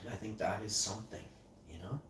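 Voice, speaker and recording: A man hosting a casual livestream, reading text aloud haltingly and rambling between lines. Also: on the low side, fairly bright tone, recorded from a distance. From Icelandic and German parentage. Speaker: livestream host. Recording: echoey room, mic set back, faint hiss.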